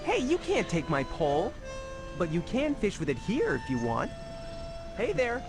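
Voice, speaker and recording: A man's voice: high-pitched, huge pitch swings, moderate pace, exaggerated voice, rough recording. An actor voicing a restless young colonial Minuteman soldier who is eager to fight, talking in an earnest, folksy way. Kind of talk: 1990s educational game voice acting. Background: game music.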